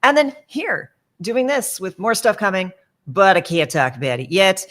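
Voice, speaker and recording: A woman's voice: medium pitch, sing-song, normal speed. An American woman introducing herself as a player on a stream, upbeat. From United States.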